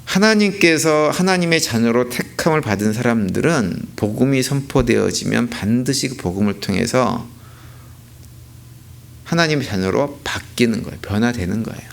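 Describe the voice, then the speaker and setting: A male pastor delivers a sermon in a church, his voice carrying a gravelly edge. He speaks at a middle pitch, pressing his points with rhetorical questions and emphatic repetition. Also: lively intonation, moderate pace. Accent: Korean. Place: church sanctuary.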